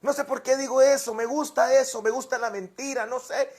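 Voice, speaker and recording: Man playing a sly lying shepherd boy, hushed. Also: extremely high pitch, fairly even intonation, fairly quick, slightly rough. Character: mischievous young shepherd boy who lies.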